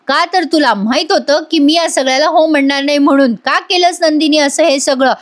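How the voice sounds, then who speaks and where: A wounded young husband demands answers from his wife in a reproachful tone, as a woman reads his lines in her own high voice. Each line is a sharp, hurt question.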